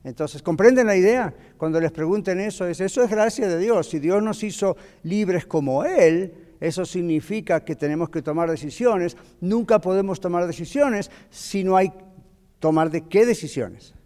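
Pastor guy teaching bible class, slightly high voice, tells stories, asks the room questions, big echoey hall. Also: moderate pace. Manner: animated storyteller, asks the audience questions. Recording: long reverb of a hall.

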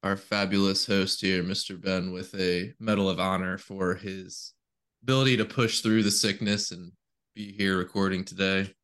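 A man's voice: deep voice, flat delivery, moderate pace, fairly bright tone. A man co-hosting a casual podcast, chatting informally. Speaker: podcast co-host. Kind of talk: casual chat.

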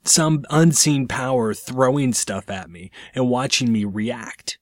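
A man playing a stressed businessman, complaining, slow, dry recording. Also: medium pitch, no room sound, close to an everyday voice. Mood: exasperated. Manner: exasperated complaining.

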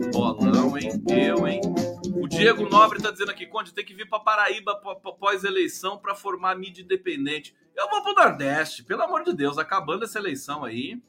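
Animated, teasing man host. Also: high voice. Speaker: live-stream host. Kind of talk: casual political commentary.

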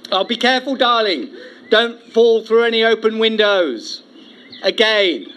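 A man's voice: sits high, lively intonation, unhurried, fairly bright tone. A man playing a smug, dryly teasing detective and divorced husband in a radio comedy. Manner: smug, dry teasing, chuckling.

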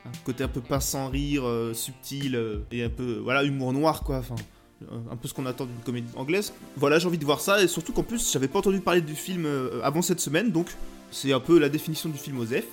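A man's voice: medium pitch, quick pace, faint music behind. A young Frenchman hosting his own film podcast, talking in a playful, self-mocking way with lots of filler sounds. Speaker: podcast host reviewing films. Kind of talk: casual comic monologue.

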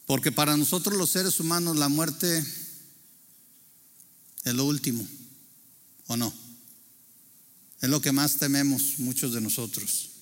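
A man's voice: on the high side, a little slow, long pauses. Mexican man preaching in a hall. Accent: Mexican Spanish. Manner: earnest, asks the congregation questions. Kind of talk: sermon.

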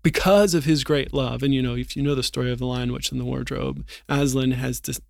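A man reading a storybook passage aloud in an earnest, expressive way, then reflecting on it in a Bible discussion. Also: medium pitch, brisk, gravelly, dry recording, studio quality.

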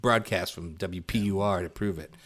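A man in his fifties from Brooklyn chatting casually as a podcast guest, with a low-key, public-radio delivery. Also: moderate pace, a crowd in the background. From Brooklyn, New York. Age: 50s. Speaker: podcast guest, film programmer.

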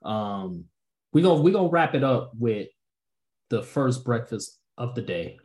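A man hosts a relaxed conversation about food. He talks in an easygoing, slangy way, steering the chat with questions. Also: medium pitch, unhurried. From Chicago south suburbs. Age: 30s. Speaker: podcast host. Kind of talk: casual chat.

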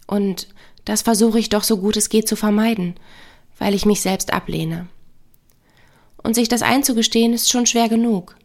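A woman who works as a counselor and couple therapist, talking calmly and reflectively in a podcast monologue. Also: medium pitch. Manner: calm, measured, reflective.

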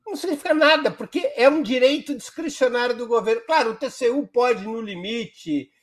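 A man's voice: very high-pitched, a little fast, fairly bright tone. A man with a Brazilian Portuguese accent, a guest commentator explaining politics live on a talk show in an emphatic, step-by-step way.

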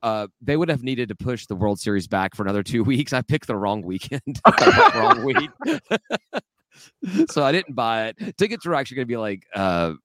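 A man co-hosting a sports podcast, telling stories in a lively, laughing way from his home setup. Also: on the low side, fast, few pauses, no echo, clean studio sound. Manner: animated storyteller, laughs often, voice jumps up. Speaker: podcast co-host. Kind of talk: casual sports podcast chat. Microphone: home studio mic.

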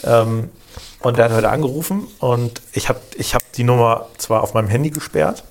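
A man's voice: medium pitch, normal speed, slight background noise. A man co-hosting a podcast, telling a story in casual chat, rambling with many fillers and restarts. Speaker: podcast co-host.

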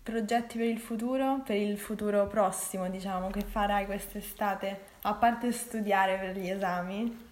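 A woman's voice: mid-range voice, steady tone, normal speed. A woman with a Roman accent hosting a conversational podcast for language learners, as interviewer and presenter. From Lazio, Italy.

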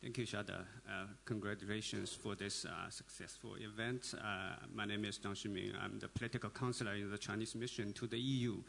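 A man making a long comment from the floor at a panel, halting and full of filler sounds. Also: fairly low pitch, fairly even intonation, vocal fry, a bit bright, a little hiss or hum. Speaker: audience member at a panel.

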